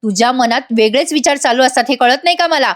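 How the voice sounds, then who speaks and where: Woman voicing a jeering, accusing young husband, high-pitched, sneering. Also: fast, natural voice. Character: angry scheming young husband, man.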